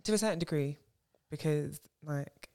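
A man's voice: a little high, normal speed, a little mellow. A man, chatting casually on a podcast.

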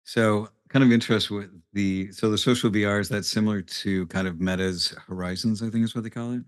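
Low-voiced man hosting a podcast. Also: steady tone, fairly quick, clear, resonant tone, dry recording, clean studio sound. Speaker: podcast host and interviewer. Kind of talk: podcast introduction and interview.

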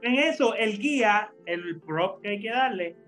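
A man's voice: high-pitched, expressive, a little slow, fairly bright tone, faint music behind. A man co-hosting a podcast, telling a story to friends in a casual way, laughing often and mixing in English words. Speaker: podcast co-host.

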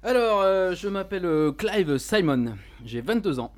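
A man's voice: sits high, sing-song, a little slow, voice pushed up. Man playing a rambling young bowling worker. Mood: upbeat. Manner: rambling, stumbling. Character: cheerful 22-year-old bowling alley worker. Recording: faint music behind.

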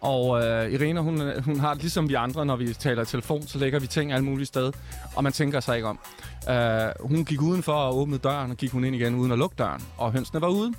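Guy in his 40s, laid back, tells stories, swears a bit, some music under it. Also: medium pitch. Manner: laid-back storytelling, swears and slips into English. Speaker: DJ guest. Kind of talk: casual radio chat.

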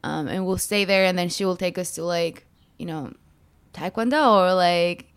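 Chatty young woman from Mexico, smooth voice. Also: lowish voice, moderate pace. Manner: chatty, filler-heavy, laughs easily. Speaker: podcast guest. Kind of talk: casual interview chat.

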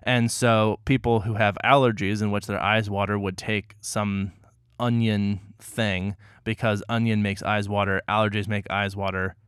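Low smooth guy on a podcast, calm and a bit wry, dry close mic. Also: normal speed, dry recording. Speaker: podcast co-host. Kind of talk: casual explanatory podcast chat.

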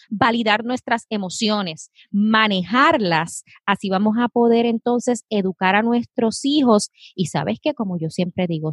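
A woman's voice: medium pitch, fairly bright tone, dry recording, studio quality. A woman, hosting an interview, asking questions and affirming the guest's points with her own thoughts. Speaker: interviewer and host.

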